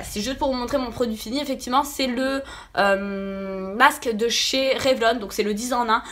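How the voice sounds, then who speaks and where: A woman with a fairly high voice and a noticeable lisp that makes her s sounds slushy. She sounds a little sick and talks casually to her viewers as a beauty vlogger, repeating words for emphasis. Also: sharp tone. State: slightly sick voice. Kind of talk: casual product review chat to viewers.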